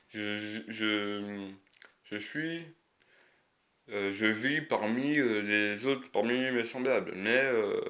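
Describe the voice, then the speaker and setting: Casual male vlogger, fairly low voice, lisped slushy s, hesitant and unscripted delivery with crude slang. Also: fairly bright tone. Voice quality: lisp, slushy s. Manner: rambling, hesitant, frequent long searching pauses. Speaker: video creator.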